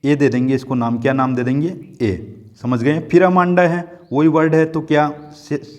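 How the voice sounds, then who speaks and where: Patient Indian male teacher, slightly high. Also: level tone, normal speed, a little mellow. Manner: patient, repetitive, keeps checking students understand. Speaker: school teacher. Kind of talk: classroom lesson explaining a poem.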